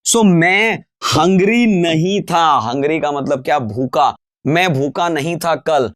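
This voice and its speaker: A man teaching English grammar in an online lecture, explaining in Hindi, slowing down to read English examples, and addressing his viewers as friends. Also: fairly high pitch, fairly bright tone, no room sound, studio quality.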